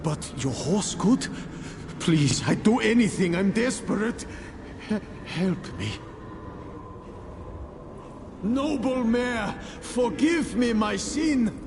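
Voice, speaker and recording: A man voicing a tormented, remorseful ghost of a squire in a video game, pleading and halting with a gravelly voice. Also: high voice, lively intonation, exaggerated voice. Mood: desperate pleading. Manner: anguished, halting, pleading delivery. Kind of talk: dramatic video game voice acting. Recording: long ghostly reverb, noisy ambience.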